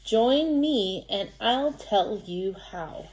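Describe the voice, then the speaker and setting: A woman reading the lines of a small, cheerful male earthworm from a storybook, slowly and deliberately. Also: medium pitch, expressive, darkish tone, low-quality recording. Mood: friendly. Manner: slow, deliberate read-aloud.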